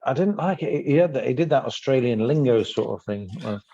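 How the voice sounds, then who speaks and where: A man's voice: medium pitch, lively intonation, brisk, dark tone. Hesitant man, muffled sound. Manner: hesitant, rambling, full of ums. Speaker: podcast co-host. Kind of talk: casual chat. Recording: slightly dull, muffled sound.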